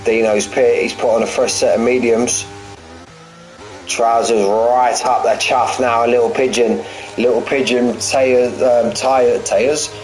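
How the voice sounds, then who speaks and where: Faint music and poor audio accompany a man in his forties whose mid-range voice is steady, a little mellow, and unhurried. A sim racing commentator and streamer, he calls a live race, cracks jokes, repeats phrases, and banters with viewers when the action lulls.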